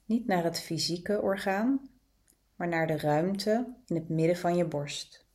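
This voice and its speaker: Slow, low-voiced woman guiding meditation. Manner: calm, gentle, soothing instructions with long pauses. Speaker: meditation guide. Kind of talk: guided meditation.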